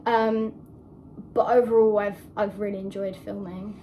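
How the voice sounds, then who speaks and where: A woman's voice: medium pitch, little pitch movement, unhurried, far from the mic, muffled recording, slight background noise. A young woman co-hosting a vlog, chatting casually and reflectively about finishing a student shoot, with plenty of fillers. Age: young adult. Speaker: student filmmaker and vlog co-host. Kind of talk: casual chat.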